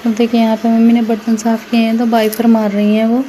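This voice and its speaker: A woman's voice: fairly high pitch, monotone, quick pace, mellow, a little hiss or hum. A woman narrating a casual family vlog at home, chatting to viewers as friends while feeling unwell. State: unwell, tired. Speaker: family vlogger.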